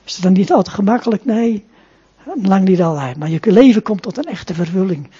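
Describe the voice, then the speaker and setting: An earnest male preacher delivers a sermon and then a prayer, often tacking short questions onto his sentences. His voice is very husky and dark. The recording sounds dull and muffled. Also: high voice, lively intonation, fairly quick. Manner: earnest, often adds a soft tag question.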